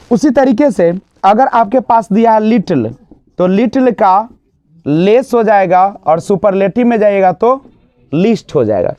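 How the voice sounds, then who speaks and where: A man teaching an exam-prep grammar lesson, asking the class questions and answering them himself, and drawing out example words slowly. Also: high-pitched, dark tone, no echo. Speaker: English teacher. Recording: dull, lo-fi dry sound.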